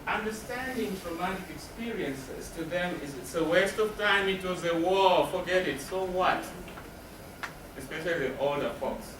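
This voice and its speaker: Speaking at a moderate pace in a high voice, a man presenting as a counselor addresses a live audience with short, emphatic explanations, raising questions and supplying the answers himself. A distant mic picks him up in a roomy space with clear background noise.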